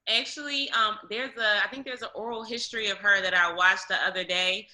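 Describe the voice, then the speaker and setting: A woman's voice: medium pitch, steady tone, fairly quick, bright, forceful tone, low-quality recording. A woman hosting a film club talk, chatting with her guest and reading out audience questions. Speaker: film club host, interviewer. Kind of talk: casual interview hosting.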